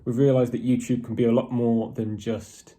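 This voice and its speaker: A man's voice: medium pitch, little pitch movement, normal speed, warm tone. A man from a metal band, giving a casual, rambling video update to fans with many ums and restarts. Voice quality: posh-sounding voice.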